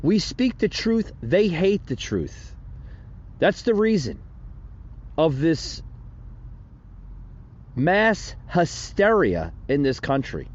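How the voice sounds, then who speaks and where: A man hosts a solo political commentary podcast, rambling in an indignant, preachy way full of fillers and restarts. His slightly high voice swings widely in pitch, moving slowly with long pauses, and the audio is dull.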